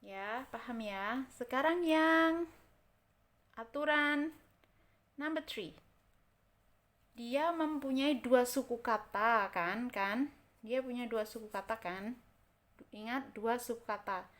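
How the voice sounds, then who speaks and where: A woman's voice: fairly high pitch, fairly bright tone. A woman with an Indonesian accent teaching English grammar. She repeats example words and keeps checking that her listeners follow. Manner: repeats example words slowly, checks understanding with "kan?" and "oke?". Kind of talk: explaining grammar in a recorded lesson.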